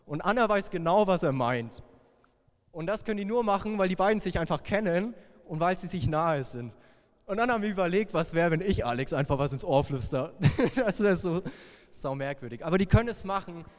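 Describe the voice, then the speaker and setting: A young man preaching a sermon, playful and lively, dropping to a hushed voice for tender lines. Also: high-pitched, a little fast. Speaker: youth pastor. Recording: long hall reverb.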